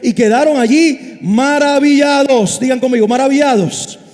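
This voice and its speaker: A man, a pastor preaching a passionate sermon that swings between loud and hushed. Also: very high-pitched, moderate pace. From Cuba. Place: church sanctuary. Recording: reverberant church hall.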